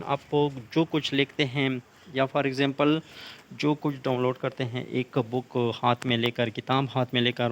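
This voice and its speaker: Man, English teacher, explanatory lesson, repeats slow English phrases. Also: mid-range voice, fairly bright tone. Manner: repeats points in Urdu and slow English examples. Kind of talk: explaining English tips in Urdu.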